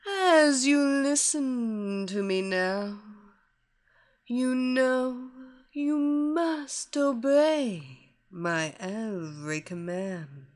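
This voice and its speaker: A woman voicing a commanding, seductive female hypnotist who draws her listener into her power with a slow, soothing, repetitive cadence. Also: a little high, animated, darkish tone. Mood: hypnotic, commanding. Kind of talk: hypnosis story reading.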